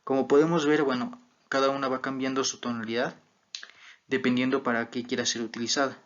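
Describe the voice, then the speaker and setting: Man explaining slowly, muffled recording. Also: mid-range voice, level tone, fairly bright tone. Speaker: student presenter. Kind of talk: explaining examples in a class presentation.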